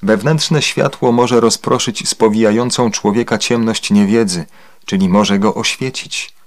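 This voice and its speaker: Man, lowish voice, formal read-aloud sermon, measured, solemn. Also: fairly even intonation. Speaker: reader of a translated spiritual discourse.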